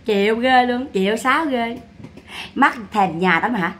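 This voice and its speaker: A woman's voice: on the high side, expressive, measured pace, a bit bright. A woman giving mocking, scolding gossip commentary. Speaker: online commentator.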